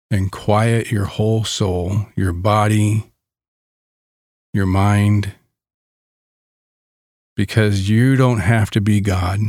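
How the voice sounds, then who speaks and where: Very slow, calm man guiding meditation. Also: fairly low pitch, dry recording, clean studio sound. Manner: calm, soothing, gentle delivery with long pauses. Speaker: guided meditation leader.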